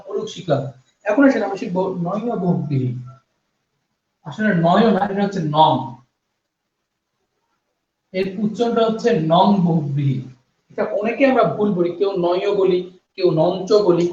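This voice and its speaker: High-voiced male teacher in an echoey room. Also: recorded from a distance. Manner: repeats points and quizzes listeners with questions. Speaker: Bengali grammar teacher. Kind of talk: exam-prep grammar lesson. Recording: echoey, dull room sound from off mic.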